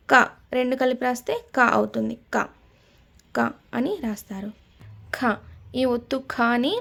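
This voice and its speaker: Woman teacher with a gravelly voice. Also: fairly high pitch. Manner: slow, repeats each sound several times, quizzes learners. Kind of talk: spelling lesson.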